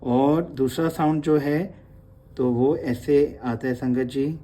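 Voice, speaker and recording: A man teaching a class on the letters of the script, calm and patient. He says each sound over and over so learners can copy it, and drops English words into his explanations. His voice is mellow and sits at an everyday pitch. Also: slow. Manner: opens with soft, low devotional recitation. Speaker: Gurmukhi teacher. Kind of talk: online class lesson.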